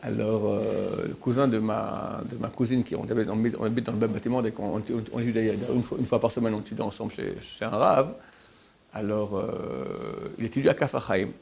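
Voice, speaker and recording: A rabbi teaching a Torah class gives an informal sermon in a lowish voice with vocal fry, at a normal speed. He's an animated storyteller who acts out the quotes. He restarts his sentences many times.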